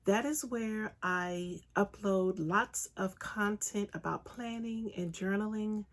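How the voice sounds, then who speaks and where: A woman hosts a casual solo crafting podcast, chatting with lots of enthusiasm and frequent ums. Her medium-pitched voice is raspy and congested from a recent illness, and she speaks at a slow pace.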